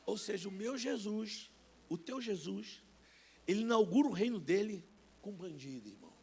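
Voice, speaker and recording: A man in his fifties with a Brazilian Portuguese accent, preaching a personal testimony in church, animated and acting out the people in his stories. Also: high voice, normal speed, gravelly, breathy edge. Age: 50s. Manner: animated, acts out voices in his stories, calls listeners brother. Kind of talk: sermon testimony. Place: church sanctuary.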